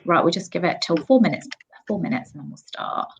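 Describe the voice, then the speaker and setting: A woman's voice: fairly low pitch, lively intonation, brisk, vocal fry, a little hiss or hum. Upbeat woman hosting a live webinar. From Sri Lanka, raised in England. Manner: chatty, upbeat, many ums. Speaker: host.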